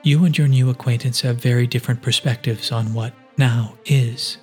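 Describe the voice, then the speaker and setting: A wise male guardian speaks in a measured, reassuring tone, as a male narrator puts him on. The pitch sits mid-range, and a faint musical score plays beneath the storybook reading. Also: steady tone, darkish tone, faint music behind, close to an everyday voice. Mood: calm.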